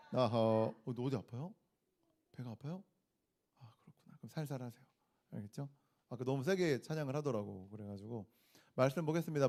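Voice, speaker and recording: A man's voice: a little high, darkish tone. Playful man leading a children's sermon. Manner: playful, coaxing, asks children to repeat after him. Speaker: pastor leading a children's message. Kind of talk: children's sermon with call-and-response and a quiz.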